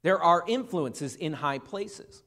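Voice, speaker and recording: A man's voice: a little high, expressive, slow pace, a bit bright. A male pastor preaching a Bible-teaching sermon in a conversational way, with humorous asides to the congregation. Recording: long reverb of a large hall.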